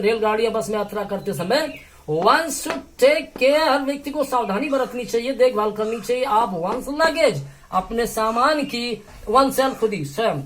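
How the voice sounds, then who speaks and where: A man with a notably high voice teaches an English lesson. He explains patiently, spells words out letter by letter and repeats each phrase slowly. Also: a bit bright. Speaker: English tutor. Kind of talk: bilingual language lesson.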